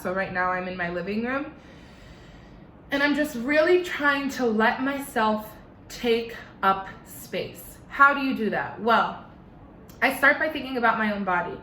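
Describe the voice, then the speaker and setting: A woman's voice: fairly high pitch, bright, forceful tone, echoey room, a little hiss or hum. A young woman with a slight lisp teaching an online singing lesson from her living room, giving step-by-step instructions.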